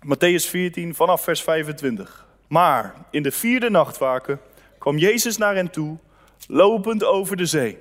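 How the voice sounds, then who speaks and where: High-voiced man preaching in a reverberant hall. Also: lively intonation, unhurried. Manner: conversational preaching with scripture reading. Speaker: pastor. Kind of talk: sermon.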